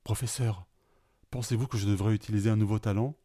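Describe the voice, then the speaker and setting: A man's voice: fairly low pitch, fairly even intonation, quick pace, warm tone, breathy edge. A man reading a story aloud, voicing a timid, unsure young adventurer. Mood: whispering. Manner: unsure, embarrassed.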